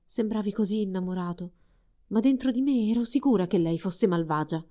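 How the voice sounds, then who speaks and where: A woman voicing a gentle, sorrowful young enchanted princess in a storybook reading. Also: medium pitch, brisk, lightly acted. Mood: earnest.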